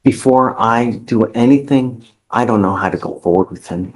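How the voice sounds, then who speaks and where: A man's voice: lowish voice, a little mellow, rough recording. A man presiding as judge in a courtroom, lecturing a defendant in a stern, exasperated way. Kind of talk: courtroom ruling.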